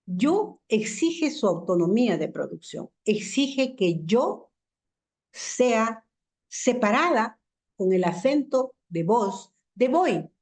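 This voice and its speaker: A patient woman lectures her online class over a computer mic. Her voice sits at a middle pitch, and she explains step by step. She repeats examples slowly and asks the class rhetorical questions. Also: darkish tone. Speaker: university language lecturer. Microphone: computer mic in a video call.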